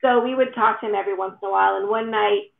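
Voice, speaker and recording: A woman telling a relaxed anecdote during a casual video chat. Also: medium pitch, fast, creaky, a crowd in the background. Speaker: paranormal investigator guest. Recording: tinny echoey call audio.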